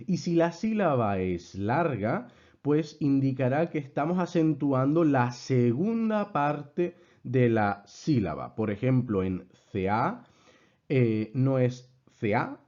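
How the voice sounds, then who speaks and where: A man teaching a class, explaining things in a measured way and addressing his students formally. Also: mid-range voice, warm tone, lo-fi sound. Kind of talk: lecture with slides.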